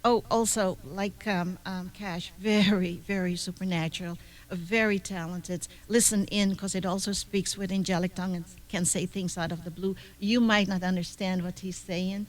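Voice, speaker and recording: A woman from the Netherlands, a Dutch native with a Dutch accent, speaking as a psychic guest in halting, broken English full of fillers in a radio studio. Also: fairly low pitch, steady tone. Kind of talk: live radio studio chat.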